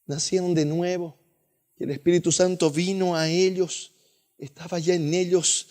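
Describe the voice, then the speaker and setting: A male pastor preaches with fervor, his voice sitting high for a man. He swings between loud, ringing exclamations and hushed asides, calling his listeners beloved brother. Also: level tone, normal speed. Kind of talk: sermon.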